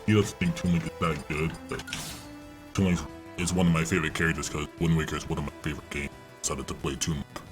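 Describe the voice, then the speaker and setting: A young man speaking through a voice changer that pushes his voice unnaturally deep, far below a normal male range. He talks hesitantly and rambles, filling gaps with ums and uhs. Soft music plays faintly behind him. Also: fairly even intonation, quick pace. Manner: hesitant, rambling, many fillers. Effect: voice changer shifting the voice very deep. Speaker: student posing as a stranger.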